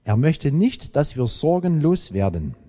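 A man preaching a sermon, emphatic and lively, with dramatic pauses. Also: on the high side. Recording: long hall reverb.

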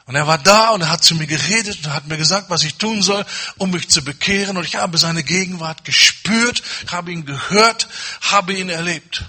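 A man preaching a personal testimony, telling his story dramatically and acting out the dialogue, with sudden swings from loud to hushed. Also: sits high, moderate pace, husky. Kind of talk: testimony sermon.

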